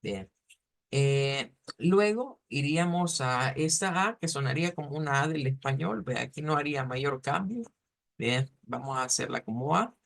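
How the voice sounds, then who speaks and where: A male language teacher, speaking at a middle pitch. He explains step by step with patience and often stops to check that his students follow him. His talk is full of small fillers and restarts. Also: expressive, moderate pace, gravelly, a bit bright. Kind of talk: online class lecture.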